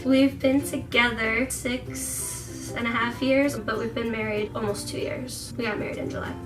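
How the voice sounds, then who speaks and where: A giggly young woman chats through a casual vlog Q&A in a fairly high voice. Her voice comes from a little away from the mic. Clear music plays behind her. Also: fairly even intonation, moderate pace, recorded from a distance, rough recording. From Netherlands. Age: 20s. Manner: chatty and giggly, laughs often. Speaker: vlogger co-host. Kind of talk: casual Q&A chat.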